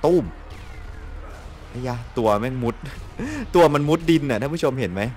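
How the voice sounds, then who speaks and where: A young man with a Thai accent giving excitable gameplay commentary. He laughs often and swears mildly. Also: medium pitch, normal speed, slight background noise. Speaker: gameplay streamer. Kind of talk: casual let's-play commentary.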